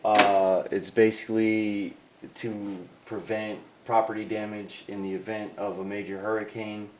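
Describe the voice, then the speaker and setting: A man's voice: on the low side, flat delivery, measured pace, roomy sound, slight background noise, poor audio. A man in his thirties from the Bronx, a graffiti artist chatting in a casual interview, rambling with many fillers. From the Bronx, New York. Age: 30s. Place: outdoors.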